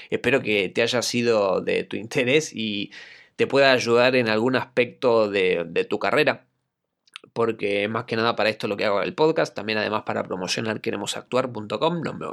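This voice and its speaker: Gravelly Argentine man hosting a podcast. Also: fairly low pitch, a bit bright. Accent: Argentine Spanish. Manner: reflective, anecdotal, conversational. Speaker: podcast host and acting coach. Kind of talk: solo podcast monologue.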